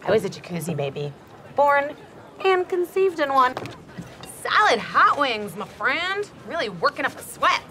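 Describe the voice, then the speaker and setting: An actress playing a brash, scatterbrained young party-girl in a sitcom, talking in a loud, bubbly, bragging way. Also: high-pitched, sing-song, a little slow, slight background noise, exaggerated voice. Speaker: sitcom character. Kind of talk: sitcom acting.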